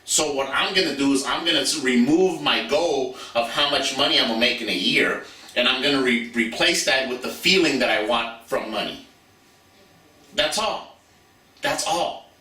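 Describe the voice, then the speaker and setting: A man's voice: medium pitch, fairly quick, bright, forceful tone, reverberant, distant mic, rough recording. A man in his thirties giving a blunt, profane motivational talk as a business mentor, repeating phrases for emphasis.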